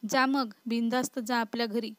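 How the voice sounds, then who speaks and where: A woman's voice: fairly high pitch, fairly even intonation, moderate pace, fairly bright tone, no echo, natural voice. A woman voicing a short-tempered, protective young husband in a storybook reading, in a scolding, exasperated manner. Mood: angry.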